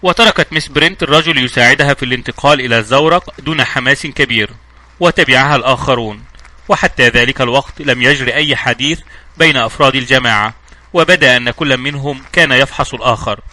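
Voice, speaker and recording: A man narrating a novel aloud as an audiobook, in a brisk storytelling manner with small slips and restarts. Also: medium pitch, sharp tone, dry recording.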